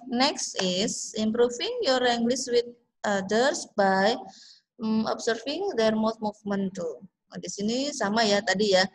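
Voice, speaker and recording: Indonesian-accented woman teacher, slow and explanatory, lecturing a class. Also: medium pitch. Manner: slow, explanatory, drawn-out English phrases. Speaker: English teacher. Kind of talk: online class lecture mixing English and Indonesian.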